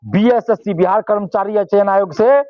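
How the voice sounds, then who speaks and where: Man, high voice, dry and dull lo-fi sound, emphatic and repetitive. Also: moderate pace, no room sound. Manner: emphatic, repeats phrases for force. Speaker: student leader. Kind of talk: impassioned interview answers.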